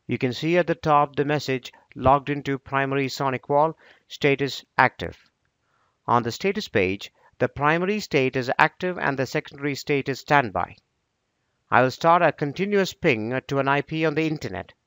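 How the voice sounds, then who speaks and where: A man delivers scripted tutorial narration in a steady, instructional manner. His voice sits at an ordinary middle pitch. The recording is close and dry, with no room sound. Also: moderate pace, dry recording.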